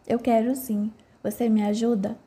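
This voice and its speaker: A woman voices an upset young woman in a spoken novel, shaky and tearful. The tone is very dark and mellow and sits a bit high. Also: flat delivery, moderate pace, natural voice.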